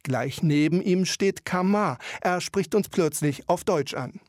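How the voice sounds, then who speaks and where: A man narrating a news report in a measured, matter-of-fact way. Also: sits high, a little mellow, dry recording, clean studio sound.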